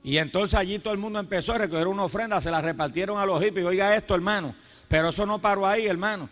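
A man's voice: sits high, rapid-fire, a bit bright. A Puerto Rican man preaching a fervent Pentecostal sermon in church, often calling out to the congregation and breaking into praise. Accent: Puerto Rican Spanish. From Puerto Rico. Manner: fervent, addresses listeners as "hermano", frequent praise interjections. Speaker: pastor. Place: church sanctuary.

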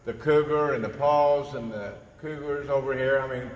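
Man in his fifties, coach, eager and halting, roomy echoey gym, faint hiss. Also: medium pitch. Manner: enthusiastic, repetitive, halting with fillers. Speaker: school coach. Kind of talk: casual on-camera chat. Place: large school gymnasium. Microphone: camera at a distance. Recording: roomy gym with long reverb, faint noise.

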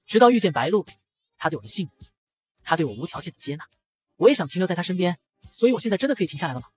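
A man voicing a caring young man who teases gently. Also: sits high, very animated, very fast. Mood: tender.

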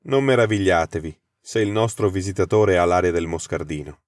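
A man voicing a sharp, self-assured consulting detective who makes crisp, incisive deductions. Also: low voice, a little fast, slight background noise, close to an everyday voice.

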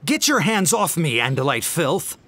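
A man's voice: mid-range voice, expressive, measured pace, roomy sound, big-room sound, natural voice. A man voicing a hostile alien parasite that speaks through a teenage boy, sneering and defensive. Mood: pleading.

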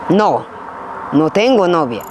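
A man's voice: high-pitched, very animated, slow, a little mellow. A young man hosting a casual question-and-answer vlog outdoors on a rural hillside, talking in a playful, teasing, slangy way to a camera a few feet away. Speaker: vlogger host. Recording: outdoor noise with passing vehicles. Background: outdoor ambience and traffic.

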